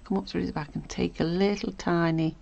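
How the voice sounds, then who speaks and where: Low gravelly-voiced woman. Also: fairly even intonation, a little fast, highs cut off. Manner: chatty, self-correcting, often drops to a soft murmur while working. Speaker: sewing tutorial host. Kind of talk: casual stitching tutorial.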